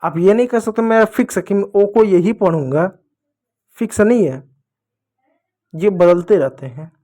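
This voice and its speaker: A man with a fairly high voice and a Hindi accent teaches a lesson at the board. He goes step by step, repeats every rule, and asks his students questions back. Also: moderate pace, warm tone. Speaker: English teacher. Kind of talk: blackboard lesson for learners.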